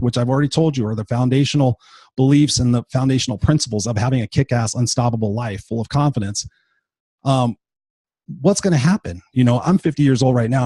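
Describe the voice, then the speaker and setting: Blunt, husky-voiced motivational man in his fifties. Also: mid-range voice, dark tone, no echo. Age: 50s. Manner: blunt, profane, emphatic. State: tired and unwell. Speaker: motivational podcast host. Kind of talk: unscripted motivational monologue.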